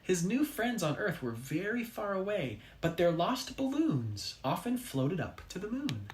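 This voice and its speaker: A storybook reader with a medium-pitched voice and big pitch swings reads a children's book aloud expressively. The reading has dramatic pauses and asides to young listeners.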